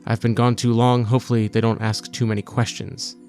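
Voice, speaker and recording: A man's voice: mid-range voice, little pitch movement, fairly quick, a little mellow, soft background music, close to an everyday voice. A man voicing an injured, secretive male senator who speaks formally. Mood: hurried.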